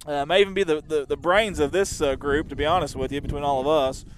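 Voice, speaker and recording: A man doing chatty, rambling live softball commentary outdoors. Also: on the high side, steady tone, fast, slight background noise. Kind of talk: casual live sports commentary. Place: outdoor softball field on a windy day.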